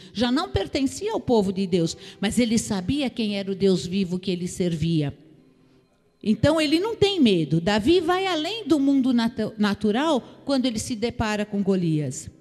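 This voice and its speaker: Animated Brazilian woman pastor preaching. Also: a little high. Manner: emphatic preaching with rhetorical questions to the congregation. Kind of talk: sermon. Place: church hall. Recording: long church hall reverb.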